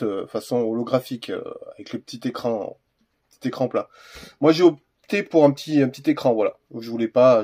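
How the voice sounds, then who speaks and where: Husky man rambling through an unboxing. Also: medium pitch, darkish tone. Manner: hesitant, lots of fillers and restarts. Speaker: gun accessory reviewer. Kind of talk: casual unboxing video.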